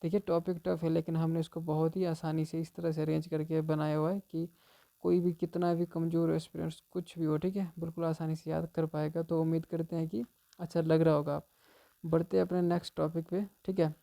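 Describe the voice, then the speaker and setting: A man coaches exam students through memory tricks in a loose, conversational way, checking in with "theek hai" after nearly every phrase. His voice is gravelly and dark in tone. He delivers it all on a flat, even line with little rise or fall. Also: fairly high pitch, brisk. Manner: repeats "theek hai" constantly, chatty and informal.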